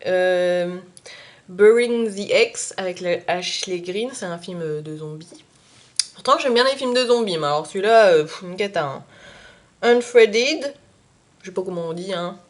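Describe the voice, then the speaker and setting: A woman's voice: fairly low pitch, moderate pace. Hesitant young woman chatting casually. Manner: hesitant, full of "euh" fillers; phrases trailing off quietly. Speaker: YouTube vlogger. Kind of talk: casual chat.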